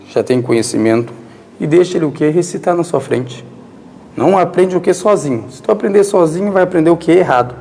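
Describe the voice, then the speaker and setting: A man's voice: fairly high pitch, gravelly, mellow. Arabic-native male religious teacher, echoey hall. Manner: poses rhetorical questions and answers them himself. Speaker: Islamic teacher. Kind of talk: religious lesson. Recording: long reverberant hall echo.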